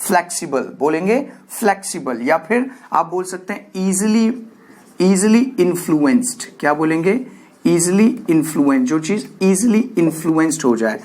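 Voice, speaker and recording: A man with an Indian accent teaching English vocabulary, dictating example sentences slowly and getting listeners to repeat words after him. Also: on the high side. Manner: coaxes viewers to repeat words, praising them. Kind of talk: classroom-style vocabulary lesson.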